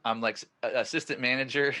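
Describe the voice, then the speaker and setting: Male podcast host, 40s, bright, energetic, rambling storyteller. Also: medium pitch, quick pace. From northern California. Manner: excited, rambling storyteller who gets louder at the punchlines. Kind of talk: casual storytelling chat.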